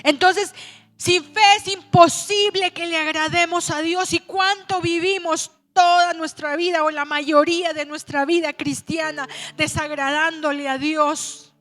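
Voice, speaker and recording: A woman pastor preaching a sermon, telling a personal story in a chatty way and slowing down to stretch words for emphasis. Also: very high voice, fairly even intonation, fairly bright tone, faint music behind.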